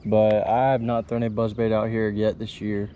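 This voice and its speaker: A man's voice: on the low side, little pitch movement, moderate pace, mellow, highs cut off, slight background noise. Chatty young man fishing from a kayak. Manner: chatty, talks to the fish, mild exclamations. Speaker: fishing vlogger. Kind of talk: casual running commentary. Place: small kayak on a wooded creek outdoors. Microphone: chest-mounted action camera.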